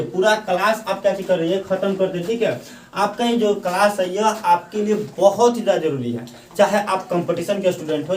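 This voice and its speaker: A man's voice: sits high, darkish tone, a little hiss or hum. Man teaching with echo, from afar. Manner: asks questions and answers them himself, repeats often; slow, drawn-out dictation at times. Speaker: Hindi grammar teacher. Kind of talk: classroom lecture. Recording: echoey room, voice from the mic's far side.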